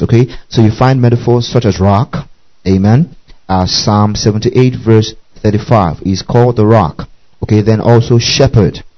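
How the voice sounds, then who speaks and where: A man preaching a Bible lesson, who keeps checking in with his listeners by asking "okay?" and "do you see that?". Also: fairly low pitch. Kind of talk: bible teaching sermon. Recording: muffled lo-fi recording.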